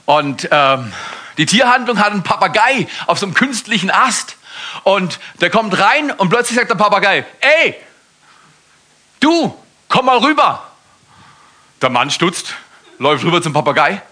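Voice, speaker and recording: A male pastor preaches with animated energy, jumping from loud bursts to hushed stretches. His voice sits high and bright, with a husky, breathy edge. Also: normal speed. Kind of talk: energetic sermon.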